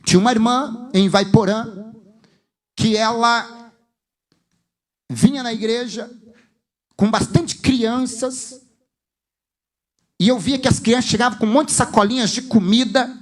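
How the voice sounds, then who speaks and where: A man's voice: very high-pitched, unhurried, long pauses. A man with a Brazilian accent preaching a sermon as a pastor, telling an emphatic story full of acted dialogue.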